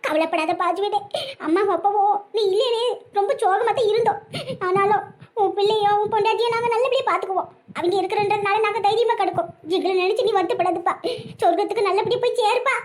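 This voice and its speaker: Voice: very high voice, fast talker. A performer voicing a panicky village mother in a cartoon comedy, speaking with a Kanyakumari Tamil accent in a piercing, frantic voice. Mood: tearful.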